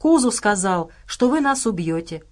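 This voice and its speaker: A woman voicing a gentle male alien creature with several arms, speaking earnestly in an audiobook. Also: mid-range voice, very animated, normal speed, natural voice. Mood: anxious.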